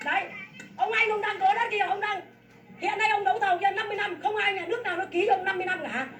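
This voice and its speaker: A woman's voice: very high-pitched, fairly even intonation, fast talker, a bit bright. A woman from Vietnam, a farmer making an angry public complaint in a fierce, scolding, repetitive tirade. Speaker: farmer protesting land seizure. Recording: echoey, from far off the mic.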